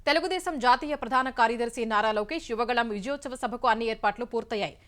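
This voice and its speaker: A woman news anchor reading the bulletin in a brisk, formal newsreader manner. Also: fairly high pitch, fairly bright tone.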